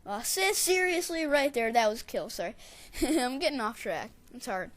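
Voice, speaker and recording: A woman casually narrating her gameplay in a rambling, digressive way, and getting excitable when she tells a story. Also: fairly high pitch, normal speed. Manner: excitable, shouts catchphrases when retelling. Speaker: gameplay commentator.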